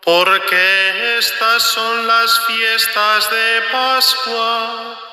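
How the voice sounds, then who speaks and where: A man's voice: very high voice, little pitch movement, very slow, sharp tone, soft background music. A man serving as cantor, chanting a solemn liturgical proclamation with cathedral echo. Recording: long echoey church reverb.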